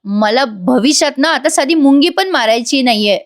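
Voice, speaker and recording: A woman's voice: sits high, animated, normal speed. A woman voicing a humble, reformed male prisoner who talks in an earnest, apologetic, rustic way. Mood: grateful.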